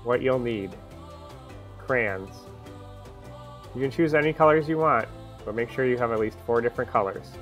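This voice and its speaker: Upbeat male art teacher in his 30s, bright kid-friendly delivery, soft guitar music underneath. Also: medium pitch, normal speed, long pauses. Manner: upbeat, enthusiastic, talks to children. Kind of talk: online art lesson for young kids. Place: virtual classroom backdrop, indoors.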